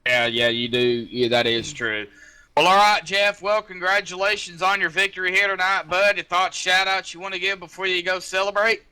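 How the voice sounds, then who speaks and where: A man's voice: high voice, steady tone, brisk, bright, forceful tone, smooth. A man interviewing a race winner over voice chat, stumbling and repeating fillers.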